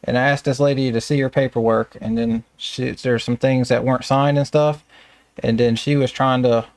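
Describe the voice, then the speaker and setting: A man with a Southern American accent talks through his stories in a plainspoken, colloquial way. His voice sits at an ordinary middle pitch. The sound is dry and close, with no room echo. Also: fairly even intonation, moderate pace, a little mellow. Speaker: staffing business owner. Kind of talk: casual storytelling interview.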